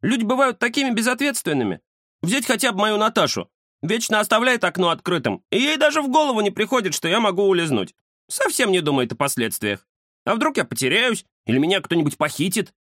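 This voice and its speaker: A man voicing a chatty, boastful male house cat who talks fast and fussily in an audiobook. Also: sits high, dry recording, clean studio sound, pitched above the performer's own voice, full character voice. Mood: indignant. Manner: excitable, fussy, know-it-all. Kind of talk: audiobook character voice.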